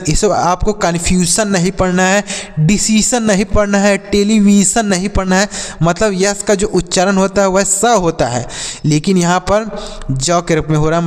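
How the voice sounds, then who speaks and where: A man's voice: a little high, in a large hall. A man teaching English spelling and pronunciation, spelling words letter by letter, addressing children and answering his own questions. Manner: asks questions then answers them himself.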